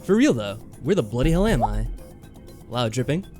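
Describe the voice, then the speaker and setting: A man hosts a let's play, chatting casually and a little tentatively while commenting on the game and reading its text aloud. His voice is medium-pitched and dark in tone, with big swings in pitch at a normal pace. Game music plays behind him.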